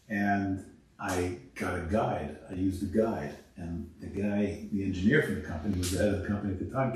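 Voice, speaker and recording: A man, an oral surgeon talking shop in an interview, pausing and restarting his sentences often. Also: deep voice, darkish tone, a little hiss or hum. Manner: halting, many restarts and self-corrections. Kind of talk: conversational interview. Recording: roomy, distant mic.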